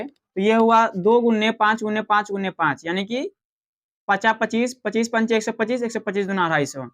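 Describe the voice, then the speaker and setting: Slow-explaining Hindi maths teacher, man. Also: sits high, fairly bright tone. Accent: Bihari Hindi. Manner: slow, explanatory, asks questions and answers them himself. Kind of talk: classroom maths lecture.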